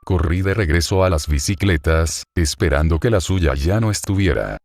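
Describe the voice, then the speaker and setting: Deep-voiced man narrating horror. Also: animated, a little mellow, faint music behind. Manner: measured, delivered in short phrases with pauses. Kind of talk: scripted first-person horror narration.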